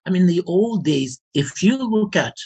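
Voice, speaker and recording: A man's voice: sits high, animated, a little slow, a little mellow, husky. A man explaining his argument as an interview guest, emphatic and repeating his points for stress.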